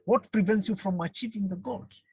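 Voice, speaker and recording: The speaker is a counselling trainer giving a webinar online via video call. Their mellow, slightly rough, medium-pitched voice moves slowly and haltingly, often repeating phrases and asking the audience rhetorical questions. The sound is studio quality, with no room sound.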